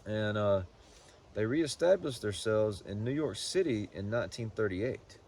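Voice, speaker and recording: A man with a fairly low voice talks casually, as if reviewing something for fellow hobbyists. His delivery is folksy and halting, with words repeated as he thinks. Faint noise sits behind him. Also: expressive, darkish tone. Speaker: pipe tobacco reviewer. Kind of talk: casual unscripted review talk.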